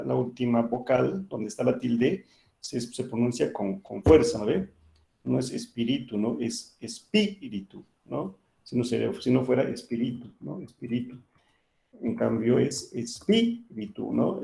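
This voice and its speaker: A man's voice: medium pitch, creaky, mellow. A male teacher giving an online class lecture, explaining patiently and often checking that students follow.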